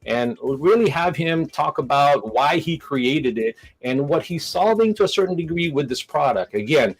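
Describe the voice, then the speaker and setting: A man's voice: on the high side, lively intonation, moderate pace, slightly rough, poor audio. Rambling male live stream host. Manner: rambling, restarts, nervous laughs. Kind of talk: casual live stream hosting.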